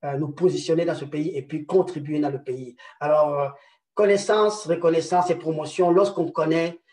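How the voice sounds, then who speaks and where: Speaking a little loudly in a somewhat high, darkish voice, a man gives a conference presentation, hesitating often with repeated small words and fillers as he hunts for his next phrase. He keeps checking in with the audience through rhetorical "n'est-ce pas" tags. The recording is echoey and captured from a distance.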